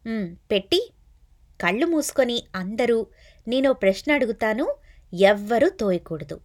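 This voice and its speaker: An eager young girl, played by a woman reader in a storybook reading. She gives bossy, excited instructions as she leads a spirit game. Her voice sits a little higher than the reader's own. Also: unhurried.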